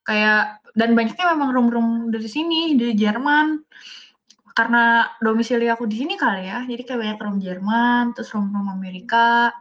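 A woman's voice: a little high, normal speed, fairly bright tone. Chatty rambling woman, lo-fi sound. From Indonesia. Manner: rambling, heavy use of filler words. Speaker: podcast guest. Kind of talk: casual storytelling. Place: living in Germany.

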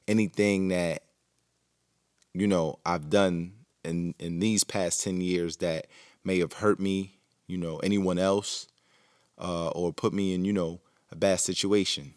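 Recorded with clean studio quality and no echo, this deep-voiced man hosts his own podcast. Talking alone, he wanders through his thoughts reflectively, restarting often and leaning on lots of fillers.

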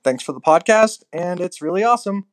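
A man's voice: high voice, animated, brisk, no room sound. A man leaving a casual recorded voice message for a podcast, asking a listener question in a friendly, thoughtful way. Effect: recorded voice message played on the show.

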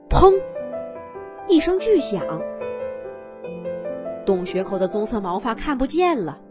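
A woman narrating a children's animal story in an expressive, dramatic way. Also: medium pitch, slightly rough, no room sound, studio quality.

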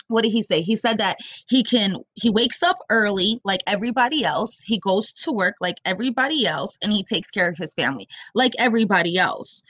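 A woman's voice: fairly high pitch, a bit bright, no room sound. A young woman doing casual opinion commentary, blunt and profane, rambling with lots of fillers.

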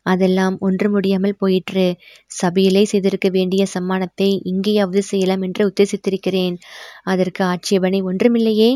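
A woman voicing a gracious, resolute middle-aged emperor in a storybook reading, with formal, measured speech. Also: mid-range voice, level tone, dark tone, dry recording, studio quality, natural voice. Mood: regal.

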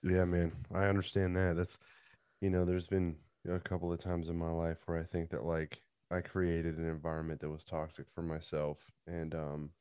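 A man with a deep, low voice chatting casually and informally as a podcast co-host. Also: completely flat delivery, moderate pace, darkish tone, clear, resonant tone, no echo. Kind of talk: casual chat.

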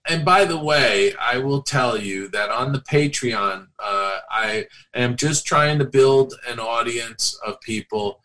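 A man's voice: mid-range voice, pushed and bright, low-quality recording. A middle-aged man talking as an author being interviewed, rambling with many fillers and restarts. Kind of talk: casual interview chat.

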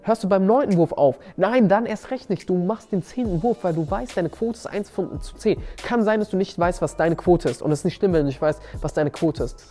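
A man's voice: high-pitched, a little fast, warm tone. A man hosting a motivational podcast, speaking emphatically and often repeating and restarting his phrases. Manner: emphatic, repeats key words, frequent restarts. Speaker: podcast host and seminar coach.

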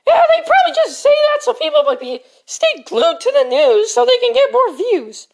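A woman voicing an impatient, scornful girl who shouts insults in a homemade comedy skit. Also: extremely high pitch, sing-song, moderate pace, vocal fry, voice pushed up, heavily acted. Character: grumpy, impatient girl Chloe who yells.

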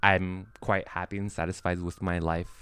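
A man's voice: low-pitched, little pitch movement, normal speed, pushed and bright, smooth, dry recording. A young man talking casually in an apartment, rambling with lots of fillers and restarts. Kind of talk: casual chat.

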